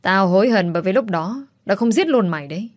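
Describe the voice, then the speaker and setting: A woman's voice: mid-range voice, expressive, fast, darkish tone, no room sound, natural voice. A woman voicing a cruel, scheming middle-aged stepmother in a storybook reading, with a sneering, contemptuous manner. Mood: spiteful.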